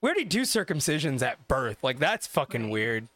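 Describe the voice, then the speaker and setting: A man in his thirties co-hosting a podcast, chatting casually, blunt and animated, swearing freely. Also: medium pitch, fairly quick, dry recording. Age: 30s. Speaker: podcast co-host. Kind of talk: casual chat.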